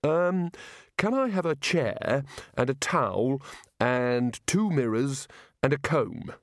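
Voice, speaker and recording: A man's voice: mid-range voice, animated, takes it slowly, no echo, studio quality. A man voicing a nervous, cowardly adult wizard who hesitates and stammers. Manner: anxious, hesitant, stammering fillers.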